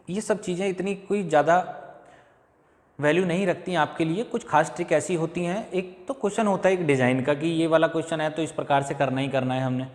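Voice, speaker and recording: Man, maths tutor, higher voice, talky and repetitive, long room reverb. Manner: chatty, repeats steps and checks understanding. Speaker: maths teacher. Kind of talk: exam-prep maths lesson.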